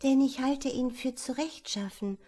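A woman voicing a courteous, soft-hearted elder sister in a storybook reading. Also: sits high, unhurried, pitched above the performer's own voice. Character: gentle, sensible elder sister, tactful.

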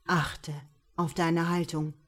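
Woman putting on a low husky domineering man. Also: little pitch movement. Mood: commanding. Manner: low, slow, taunting commands. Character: domineering commanding man, teasing and cold.

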